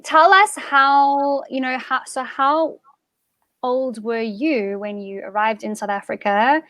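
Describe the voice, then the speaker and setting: A woman co-hosting an interview over a video call, speaking in animated quick bursts. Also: high-pitched, no room sound. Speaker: co-host. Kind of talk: interview conversation.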